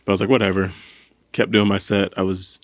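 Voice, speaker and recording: A man's voice: low voice, fast talker, no room sound, clean studio sound. A man casually telling a story on a podcast, acting out what people said. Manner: animated storytelling, acts out quotes. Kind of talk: casual chat.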